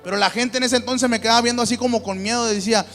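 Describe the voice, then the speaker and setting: A man's voice: very high-pitched, fairly even intonation, very fast, fairly bright tone, big-room sound, faint music behind. A man preaching his personal testimony, fervent and often calling listeners brother. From Mexico. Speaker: evangelist giving testimony.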